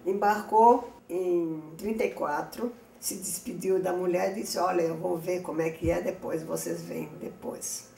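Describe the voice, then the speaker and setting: A woman's voice: lowish voice, steady tone, a little slow, gravelly, hardly any pauses, dark tone, a little hiss or hum. A woman telling a family story in a documentary interview, recorded from far off in an echoey room.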